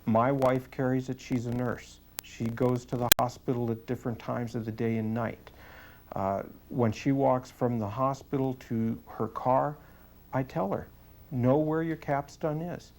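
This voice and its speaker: His voice is medium-pitched and a little mellow with fairly even intonation as he gives testimony as a police sergeant. He answers interview questions plainly, matter-of-factly, earnestly, and deliberately. The audio is poor.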